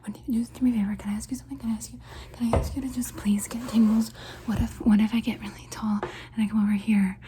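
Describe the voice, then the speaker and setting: A woman doing fast-paced whispered ASMR, repeating words and phrases insistently in a pleading way. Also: a little high, flat delivery, noisy background. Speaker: ASMR performer.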